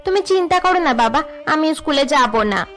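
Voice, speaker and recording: A woman's voice: high-pitched, expressive, normal speed, a bit bright, faint music behind. A woman voicing a loving five-year-old girl in a cartoon, eager and pleading with her father. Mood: sweet pleading.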